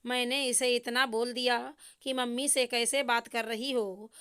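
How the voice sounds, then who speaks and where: A woman's voice: on the high side, level tone, bright, forceful tone, clean tone. A woman voicing a polite, worried young husband speaking respectfully to his mother-in-law. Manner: respectful, rushed explaining.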